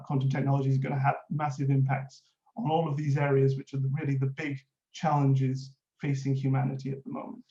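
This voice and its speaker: A Welsh man with a warm, medium-pitched voice gives a conference presentation with slides, explaining a technical subject with lots of filler sounds. He works as an innovation lead, and the audio is roomy, dull and lo-fi.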